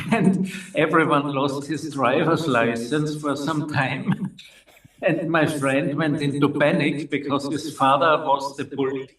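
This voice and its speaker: An older man from Austria with an Austrian German accent, telling his personal story in a slow, halting way with many pauses. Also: mid-range voice. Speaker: interviewee. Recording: echoey room, distant mic.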